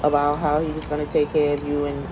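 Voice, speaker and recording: A woman's voice: low-pitched, monotone, fast, noisy background. A middle-aged American woman chatting casually in a folksy, emphatic way, repeating words for stress. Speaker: companion in the conversation, an aunt. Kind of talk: casual chat.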